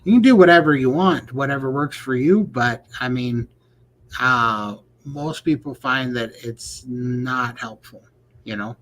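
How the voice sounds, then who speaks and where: A man's voice: medium pitch, unhurried, a bit bright. A man co-hosting a casual livestream chat, rambling and laughing often. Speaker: livestream co-host.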